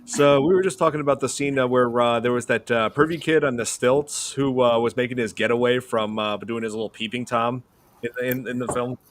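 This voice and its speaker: A man's voice: mid-range voice, steady tone, fairly quick, no room sound. Rambling podcast host man, dry sound. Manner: rambling with many uh fillers. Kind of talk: casual chat.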